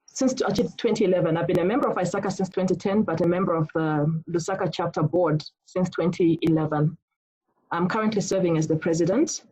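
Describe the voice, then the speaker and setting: Zimbabwean-born woman panellist, slightly low and husky, correcting herself as she goes. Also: dark tone, poor audio. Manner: self-correcting, earnest. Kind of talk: self-introduction on a panel. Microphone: video call.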